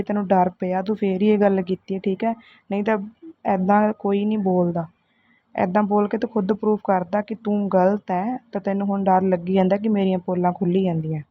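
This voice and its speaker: A woman's voice: mid-range voice, no room sound. A woman delivering heated reaction commentary to another vlogger, scolding and confrontational, often tagging her points with a questioning "okay?". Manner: scolding, confrontational, repeats "theek hai?". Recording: tinny phone-like audio with faint hiss.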